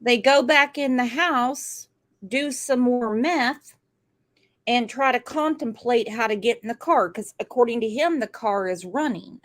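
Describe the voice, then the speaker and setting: A woman's voice: a little high, unhurried, a bit bright. A woman giving casual true crime commentary in a blunt, sarcastic way.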